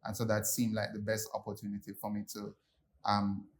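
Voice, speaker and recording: A young man from Jamaica speaking on a panel, relaxed, with many ums and restarts. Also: fairly low pitch, a little fast, slight background noise. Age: young adult. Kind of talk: panel discussion.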